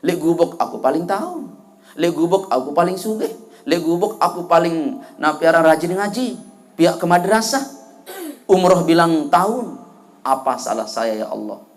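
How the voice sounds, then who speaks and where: A man's voice: on the high side, animated, normal speed, faint music behind. A man voicing an indignant rich villager pleading his case in a sermon story, speaking with a Sasak accent. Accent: Sasak (Lombok).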